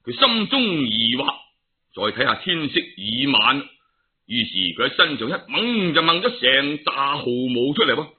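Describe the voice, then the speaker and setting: A man's voice: medium pitch, very animated, unhurried. A man with a Cantonese accent telling a traditional tale in a dramatic, theatrical and colloquial storytelling style, full of exclamations. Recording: narrow, tinny phone-like sound.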